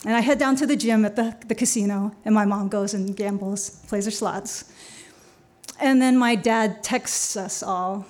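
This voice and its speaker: A woman's voice: mid-range voice, a little slow, a little mellow. Chatty woman telling a personal story. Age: adult. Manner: chatty, with fillers and wry laughs. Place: stage at a story show.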